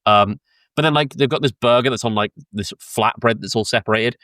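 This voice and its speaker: A man's voice: mid-range voice, a little fast, a bit bright, no echo, studio quality. Chatty British man telling travel stories. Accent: British English. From Britain. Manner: rambling storyteller, swears, laughs mid-sentence, many ums. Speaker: podcast co-host. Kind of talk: casual podcast chat. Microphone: close podcast mic, dry sound.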